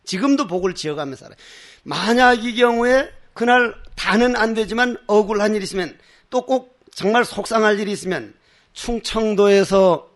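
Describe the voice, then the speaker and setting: An older man, a Buddhist monk giving a dharma talk with passion and emphasis, acting out the people he quotes. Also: sits high. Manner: impassioned, emphatic; acts out quoted voices, laughs at his own stories.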